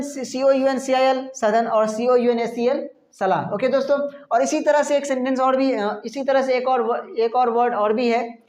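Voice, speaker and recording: A woman's voice: a little high, darkish tone, muffled recording. A woman teaching a spoken English lesson, spelling words out letter by letter and asking her listeners rhetorical questions. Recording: echoey room.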